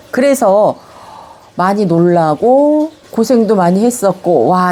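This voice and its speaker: This is a reflective life-story interview with an elderly Korean woman from Gyeonggi's Yongin area, made for a video autobiography. She has a lively pitch and a Chungcheong-tinged accent, and her calm reminiscences become gently animated when she talks about being a child.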